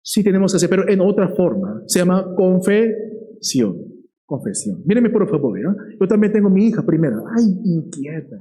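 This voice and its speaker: A man preaching a sermon with a fairly high, mellow voice. He keeps checking in with his listeners with short questions and slows down to lean on key words. His delivery is lively and direct. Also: rough recording. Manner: lively, checks in with the listeners, often asking "¿verdad?".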